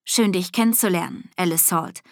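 A woman voicing a charming young man who teases in a soft, easy voice in an audiobook. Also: mid-range voice, moderate pace, no echo, studio quality, natural voice. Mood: teasing.

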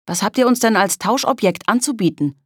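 A quick-witted, bold young girl from a children's storybook , voiced by a woman reader. She talks sharply and with spirit, lifted above the reader's low, husky tone, in a dry, close recording. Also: expressive, no room sound. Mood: defiant.

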